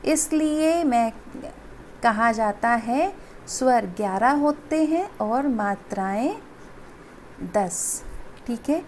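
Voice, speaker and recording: Female teacher, high voice, slow unhurried delivery, faint background hiss, patient classroom explaining. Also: expressive, darkish tone. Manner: patient, repeats and asks children if they understood. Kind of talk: classroom Hindi lesson.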